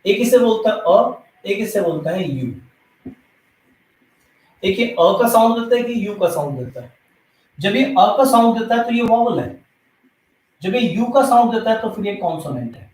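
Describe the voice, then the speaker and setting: A man from India teaches an English grammar lesson, walking his students through each point step by step. His voice sits high for a man. He sounds distant from the mic in an echoey room. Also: lively intonation, normal speed, pauses often, a little mellow. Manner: explains step by step, addresses students directly.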